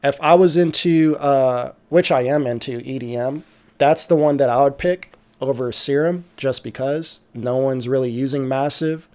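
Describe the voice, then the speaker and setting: A man hosting a casual livestream, answering viewer questions about music software in a relaxed way, trailing off with fillers. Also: medium pitch, moderate pace. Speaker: music producer streamer.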